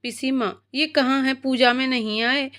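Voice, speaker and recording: A woman's voice: high-pitched, steady tone, a little slow, fairly bright tone. A woman voicing a sweet, caring young bride in a storybook reading, speaking earnestly and politely.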